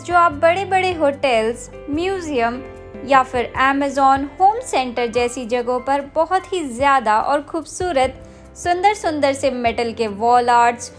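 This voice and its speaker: An enthusiastic woman narrates a market-tour vlog in a high, bright voice. She speaks straight to her viewers, and faint music plays under her narration. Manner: enthusiastic, addresses viewers directly. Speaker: travel vlogger.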